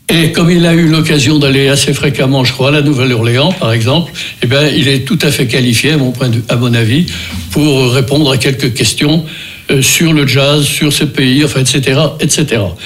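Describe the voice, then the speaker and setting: A man's voice: mid-range voice, fairly even intonation, normal speed, fairly bright tone. An older man hosting a local radio music show, talking in a rambling way with many restarts and fillers, with a Beaujolais accent. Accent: French from Beaujolais. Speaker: radio host.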